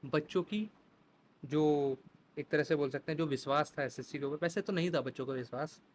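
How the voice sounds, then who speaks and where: A man's voice: a little high, brisk, a little hiss or hum. A man teaching English vocabulary for exam prep, chatting through playful classroom examples.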